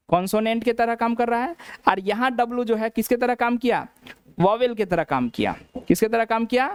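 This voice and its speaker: Bihari guy teaching english grammar, asks and answers his own questions, smooth voice, dry close mic. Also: high-pitched, dry recording. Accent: Bihari Hindi. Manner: repeats each point as a question, then answers it. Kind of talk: classroom lesson.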